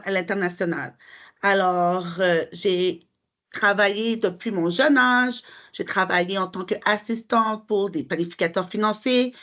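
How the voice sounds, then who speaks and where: A woman's voice: medium pitch, fairly bright tone. A woman from Montreal with a Quebec French accent, answering interview questions as a mortgage broker, friendly and hesitant with many fillers.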